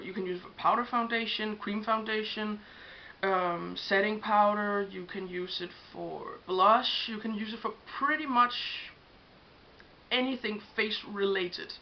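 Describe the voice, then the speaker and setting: This makeup vlogger from Denmark speaks at medium pitch with a Danish accent, English not being her native tongue. Chatty but hesitant, she fills her brush walkthrough with ums, captured in a dull, faintly hissing lo-fi home recording.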